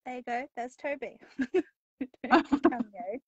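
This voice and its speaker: A woman's voice: on the high side, slow pace, darkish tone, slightly rough, no room sound. A woman chatting casually while colouring on a livestream, laughing often between remarks. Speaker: livestream co-host. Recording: dull, dry lo-fi livestream audio.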